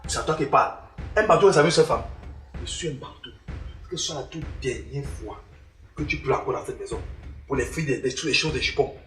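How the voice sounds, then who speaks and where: Delivering a comedy skit, a western Cameroonian woman voices a proud, stern African father berating his son, her voice rumbling low, quick, and broken by long pauses. The scolding character lectures, mocks, and says things over and over, captured through a distant mic in a roomy space with faint music.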